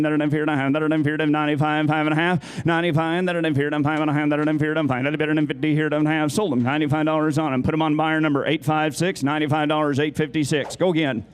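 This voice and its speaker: A man's voice: on the high side, clean tone. A man chanting as a livestock auctioneer, looping short phrases and prices in a rhythmic patter. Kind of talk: rapid-fire auctioneer chant, selling cattle.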